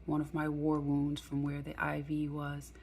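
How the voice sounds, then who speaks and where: A woman chatting casually through a budget vlog in a halting, low-energy way, slightly hoarse as if weak after surgery. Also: monotone, darkish tone, a little hiss or hum. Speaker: budgeting vlogger. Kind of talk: casual chat while counting cash.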